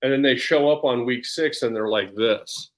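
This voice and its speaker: A man's voice: medium pitch, normal speed. Upbeat coach, a man in his forties. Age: 40s. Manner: energetic and upbeat, with frequent restarts and repeated words. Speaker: personal development coach. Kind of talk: casual podcast interview chat.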